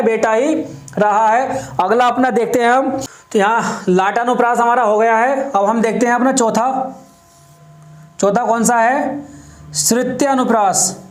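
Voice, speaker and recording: A man's voice: extremely high pitch, echoey room. A man teaching a grammar lesson. He explains step by step, repeats terms and examples, and often checks in with his listeners.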